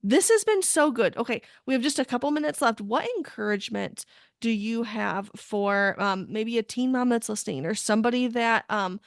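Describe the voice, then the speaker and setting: Woman podcast host, faith talk, effusive and excitable, higher voice, dry close sound. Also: normal speed, no echo. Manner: gushing and enthusiastic, with frequent exclamations. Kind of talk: faith-based podcast interview.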